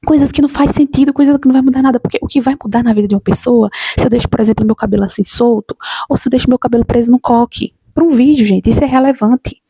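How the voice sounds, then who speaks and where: Husky-voiced woman giving motivational talk. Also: a little high, very fast, dark tone, no echo. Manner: emphatic, repetitive, addresses viewers directly as "gente". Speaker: motivational video host. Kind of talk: casual motivational talk to camera.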